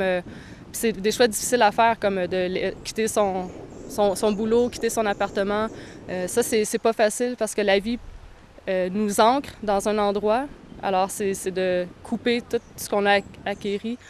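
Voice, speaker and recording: A young woman, answering interview questions thoughtfully, with frequent pauses. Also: medium pitch, slight background noise. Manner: thoughtful, hesitant, many pauses. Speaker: touring cyclist interviewee.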